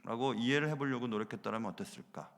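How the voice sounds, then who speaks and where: A man preaching a sermon as pastor, animated, moving between loud emphasis and hushed asides. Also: medium pitch, quick pace. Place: church sanctuary. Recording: long reverb of a church hall.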